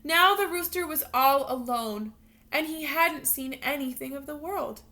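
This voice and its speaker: A teacher with a bright, high voice reads a picture book to young children at an unhurried pace. Her delivery is expressive and instructional, an animated read-aloud where she poses questions to her young listeners.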